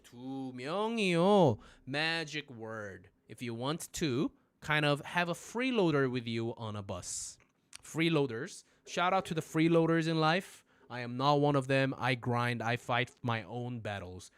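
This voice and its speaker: A man teaching phrases in a live-streamed lesson, joking, swearing casually and making loud sound effects. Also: medium pitch, no echo. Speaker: Korean language teacher.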